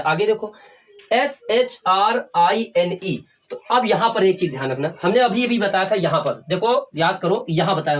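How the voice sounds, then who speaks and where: A male teacher from India giving a classroom phonics lesson, spelling words letter by letter, asking questions and answering them himself, often checking in with "ठीक है". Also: high voice. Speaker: English teacher.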